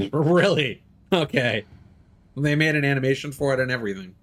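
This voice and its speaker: Animated and mid-range at a normal speed, this game streamer rambles through informal live commentary, swearing now and then and muttering reactions to the on-screen action.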